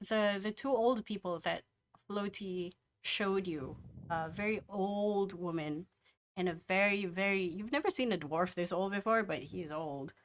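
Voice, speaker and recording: A woman running a tabletop game, narrating the scene in a relaxed, hesitant way with frequent fillers. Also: mid-range voice, measured pace, slight background noise. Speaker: game master.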